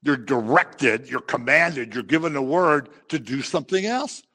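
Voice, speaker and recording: A man delivers a sermon in an easy, conversational tone. He preaches with animation and slips into quick acted voices for the people in the passage he explains. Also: medium pitch, lively intonation, sharp tone. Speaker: pastor.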